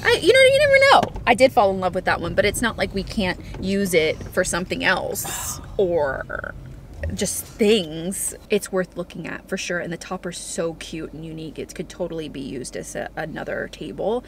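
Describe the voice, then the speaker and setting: A young woman vlogging to a handheld camera, chatty and excitable, talking in a car and outdoors. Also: on the low side, normal speed, a little hiss or hum. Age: young adult. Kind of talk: casual vlog chat. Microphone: handheld camera at arm's length.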